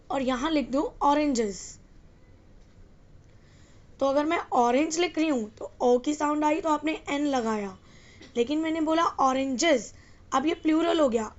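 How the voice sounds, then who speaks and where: A woman's voice: high-pitched, dull audio. A woman teacher giving an exam-prep English grammar lesson, asking the class questions and answering them herself.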